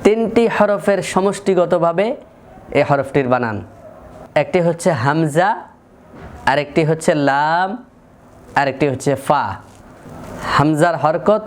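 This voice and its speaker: Male Quran teacher, high voice, patient drilling delivery, light hiss. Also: unhurried, pauses often. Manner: patient, methodical, repeats sounds to demonstrate. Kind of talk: slow, deliberate lesson with repeated sample sounds.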